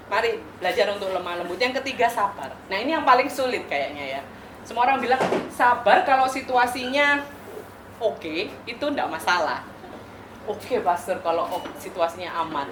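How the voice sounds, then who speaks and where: A woman's voice: medium pitch, fairly bright tone, slight background noise. A woman pastor delivering a wedding sermon, explaining her points with rhetorical questions and light playful asides. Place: church or wedding venue. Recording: echoey venue with faint ambience.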